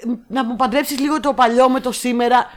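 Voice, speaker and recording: A woman co-hosting a casual podcast, chatting about films in an animated, sarcastic way and acting out lines she quotes. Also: sits high. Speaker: podcast co-host. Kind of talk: casual chat reviewing films.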